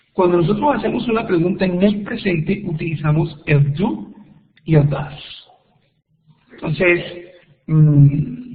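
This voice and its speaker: A man teaching an online English grammar lesson, explaining slowly and patiently with repeated examples. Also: high-pitched. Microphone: computer microphone on a web call. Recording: echoey tinny web conference audio.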